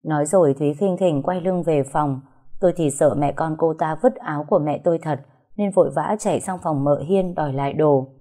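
A woman reads a first-person family drama aloud with a low, mellow voice. Her storytelling is steady and dramatic throughout. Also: a little fast. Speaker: narrator.

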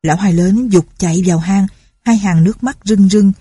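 A woman narrating a story aloud in a steady, measured reading voice. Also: medium pitch, slightly rough, no room sound, clean studio sound.

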